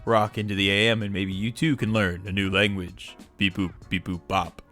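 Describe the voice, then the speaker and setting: Guy going all robot voice, super deep, beep boop stuff, sounds kinda processed, faint music behind. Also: flat delivery, sharp tone. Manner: low, slow robot-style beeping speech, playing a machine language. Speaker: channel regular phoning in a sponsor message. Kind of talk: jokey sponsor bit.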